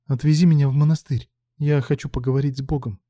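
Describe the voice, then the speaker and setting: A man voicing a frightened young woman who pleads in a hushed voice. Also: mid-range voice, fairly even intonation, fast, no room sound, clean studio sound, voice pushed up, close to an everyday voice. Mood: pleading.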